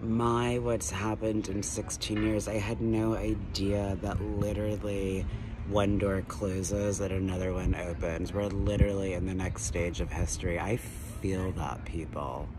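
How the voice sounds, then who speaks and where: A man in his thirties, rambling and lecturing excitedly into a phone held at arm's length outdoors. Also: low voice, a little slow, background noise. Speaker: vlogger. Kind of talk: rambling selfie monologue. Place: outdoors by a building wall.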